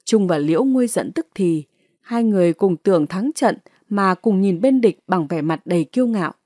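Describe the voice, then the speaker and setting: A woman audiobook narrator reading a novel in a dramatic, clear storytelling manner. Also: mid-range voice, expressive, moderate pace, mellow, dry recording, studio quality.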